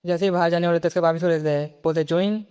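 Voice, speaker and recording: Fast, flat-voiced man recapping a story. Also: on the high side, smooth, big-room sound. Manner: rapid, even delivery, voicing every character in his own voice. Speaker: manhwa recap narrator.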